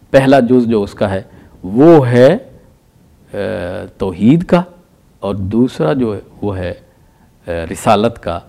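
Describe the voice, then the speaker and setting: A man teaches a tajweed lesson, explaining patiently and reciting examples slowly with stress. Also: mid-range voice, mellow.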